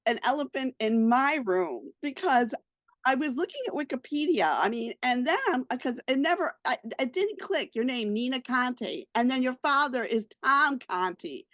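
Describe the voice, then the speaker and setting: A woman with a high, swooping voice chats as an interviewer. She is excitable and gushing, and the sound is dry and close. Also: moderate pace, no echo. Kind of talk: casual interview chat.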